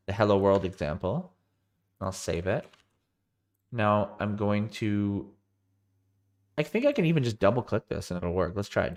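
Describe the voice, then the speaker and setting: On a live stream, a tired-sounding man with a cold walks through code in a somewhat low voice. He thinks out loud as he works and frequently stops to correct himself mid-sentence.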